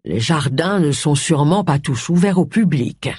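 Un lecteur faisant un ami taquin et rassurant. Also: male voice, on the high side, animated, moderate pace, darkish tone, slightly rough, no room sound, studio quality. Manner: teasing, reassuring. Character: man, an affectionate teasing friend. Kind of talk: audiobook character voice.

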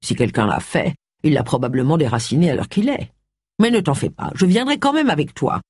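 Un lecteur de livre audio fait parler un homme, ami taquin et attentionné, sur un ton calme. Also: male voice, on the high side, fairly quick, breathy edge, no echo, studio quality, heavily acted. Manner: teasing, reassuring. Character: man, an affectionate teasing friend. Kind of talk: audiobook character voice.

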